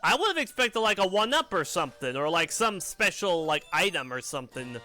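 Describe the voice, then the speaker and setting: A man streaming a video game, chatting casually in an animated, rambling way and laughing often. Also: high-pitched, a little fast. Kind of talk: casual gameplay commentary. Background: soft game music.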